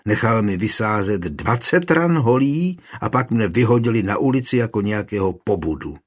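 A man's voice: fairly low pitch, animated, slightly rough. Winded, outraged preacher, read by a man, pressing urgency, storybook voice. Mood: urgent. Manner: urgent, indignant. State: out of breath. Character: bruised breathless male preacher, indignant.

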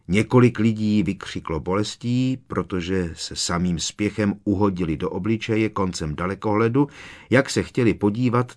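Guy with a lowish voice reading an audiobook, steady and expressive. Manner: measured, expressive storytelling. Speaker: audiobook narrator. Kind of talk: scripted audiobook narration.

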